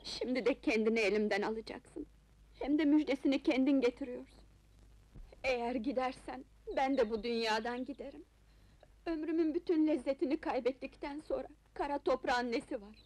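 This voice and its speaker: A woman's voice: sits high, moderate pace, darkish tone, no echo. An actress playing a modest, devoted young Ottoman woman in love, plaintive and dramatic, in an old film melodrama. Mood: anguished, pleading. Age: young adult. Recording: old film soundtrack with music. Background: film music.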